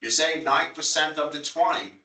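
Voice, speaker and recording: A man's voice: a little high, normal speed, bright, forceful tone. Insistent man with Long Island accent. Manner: insistent, repeats himself, apologetic but pressing. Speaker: town representative on a transit board. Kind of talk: public meeting debate. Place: meeting room. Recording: echoey meeting room from far off.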